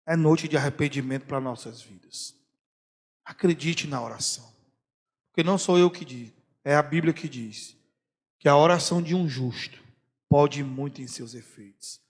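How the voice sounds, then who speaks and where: A man preaching a sermon as a pastor, animated, acting out prayers and talk in comic voices. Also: on the high side. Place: church hall. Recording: long church hall reverb.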